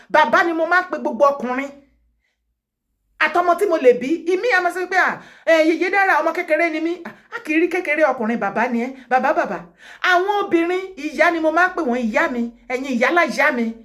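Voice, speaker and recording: High-voiced Nigerian woman scolding. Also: fairly bright tone. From Ekiti, Nigeria. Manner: scolding, emphatic, repeats words for stress. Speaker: vlogger. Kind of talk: impassioned commentary in Pidgin and Yoruba.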